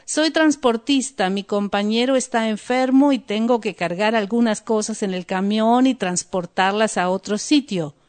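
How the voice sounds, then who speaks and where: A woman's voice: medium pitch, normal speed, hardly any pauses, dry recording, natural voice. A woman putting on a nervous shifty male thief. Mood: scheming. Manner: pleading, excitable.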